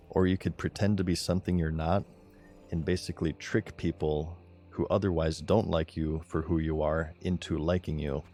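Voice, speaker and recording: A man with a monotone, low-energy delivery, chatting casually as he streams a game. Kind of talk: casual chat while gaming.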